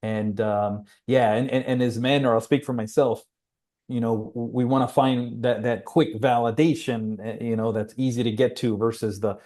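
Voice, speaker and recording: A man's voice: medium pitch, steady tone, normal speed, a little mellow. A man in his forties, a podcast guest telling a personal story in a reflective, rambling way with frequent restarts. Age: 40s.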